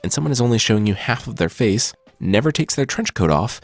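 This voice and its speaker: A man's voice: mid-range voice, lively intonation, fairly quick, dry recording, soft background music. A man hosting a podcast, giving scripted narration in a wry, sarcastic storytelling manner. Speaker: podcast host and writer.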